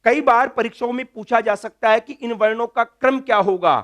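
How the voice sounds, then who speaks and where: A man's voice: extremely high pitch, normal speed, a bit bright. A man teaching Sanskrit grammar in a classroom lecture, drilling letters one by one and answering his own questions.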